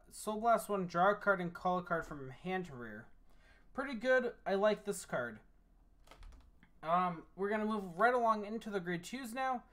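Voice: medium pitch, a bit bright. A tired deck reviewer walking through a card game deck casually, reading card text aloud between remarks. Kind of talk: casual deck profile walkthrough.

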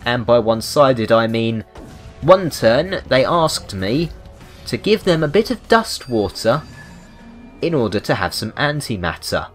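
With music playing behind him, a British man rambles through off-the-cuff video game commentary, wry and mock-indignant. His voice is mid-range, sing-song and unhurried.

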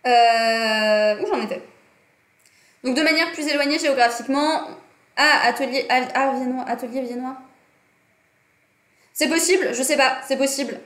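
This livestream host speaks at normal speed in a high, slightly bright voice, leaving long pauses. A young woman at her desk in a small, roomy-sounding space, she talks casually about design and politics, chatty and prone to fillers and self-corrections.

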